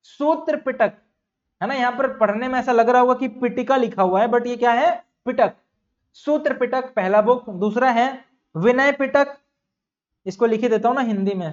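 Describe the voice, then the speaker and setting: A young man teaching an exam-prep lecture in a fairly high voice. He repeats key terms and throws questions at the class, calling his students bhaiya. The recording sounds dull and lo-fi. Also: moderate pace. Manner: addresses students as bhaiya and bachcha.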